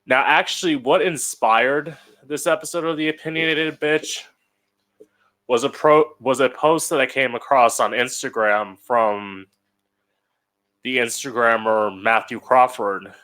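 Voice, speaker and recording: A man hosting an opinion show as a campy drag queen, blunt and opinionated, with drawn-out emphatic phrasing. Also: medium pitch, sharp tone. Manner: blunt, opinionated, swears freely. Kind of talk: opinion monologue.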